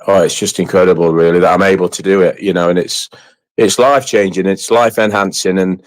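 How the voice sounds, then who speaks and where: A man hosting a casual interview chat, effusive and rambling, often halting and repeating his phrases. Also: low-pitched, fairly even intonation, no room sound. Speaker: host of an online community chat.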